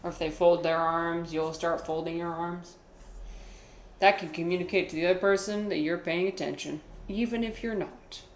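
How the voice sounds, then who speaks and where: A woman giving casual, rambling commentary as she plays a video game, with vocal fry in her voice. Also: on the low side, fairly even intonation, normal speed, reverberant, slight background noise. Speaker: streamer playing a video game.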